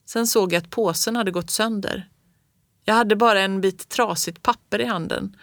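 A woman reading a children's story aloud in the first person with calm, measured storytelling. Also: mid-range voice, no room sound, clean studio sound. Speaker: audiobook reader.

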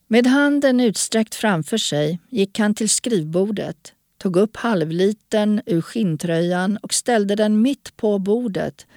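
A woman narrating an audiobook story in a calm, even storytelling manner. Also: medium pitch, dry recording, clean studio sound.

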